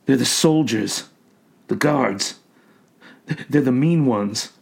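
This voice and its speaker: A man's voice: mid-range voice, slow, gravelly, darkish tone. A man voicing a haunted old male asylum patient who mumbles in a folksy drawl and breaks into sobs. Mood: mumbling. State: sobbing.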